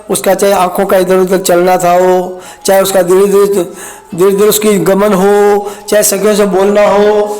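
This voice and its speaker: A man with a high voice gives a recorded lecture on a Sanskrit poem. He recites a line, then breaks it down word by word and explains the grammar. The room around him has a noticeable echo. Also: a little mellow. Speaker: Sanskrit teacher.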